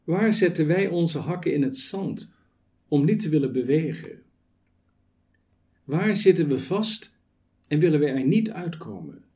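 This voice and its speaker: A man preaching a sermon, building it on rhetorical questions and measured lists. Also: a little high, animated, mellow.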